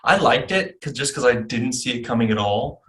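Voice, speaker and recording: A young man hosting a casual podcast about films. He talks loosely and swears freely. His voice jumps up high whenever something excites him. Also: normal speed. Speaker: podcast host. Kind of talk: casual movie chat.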